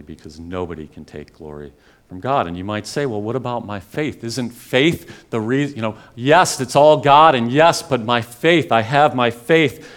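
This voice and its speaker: Male pastor, measured sermon delivery, earnest and pleading with emphatic swells. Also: on the low side. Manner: earnest, pleading, rises to emphatic peaks then drops quiet.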